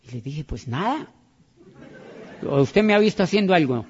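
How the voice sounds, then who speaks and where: Speaking at normal speed in a slightly high, animated voice, a man gives a forceful motivational talk, repeating himself and acting out exchanges. A crowd is audible in the noisy background, and the audio is dull and lo-fi.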